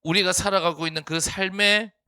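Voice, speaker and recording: A man's voice: sits high, fairly even intonation, normal speed, bright, forceful tone, clean tone, no echo, clean studio sound. A man, a youth pastor preaching a playful sermon and teasing the teens by name.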